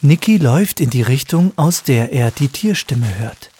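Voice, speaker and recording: A man reading a children's story aloud as narrator, with clear, expressive storytelling. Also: mid-range voice, normal speed.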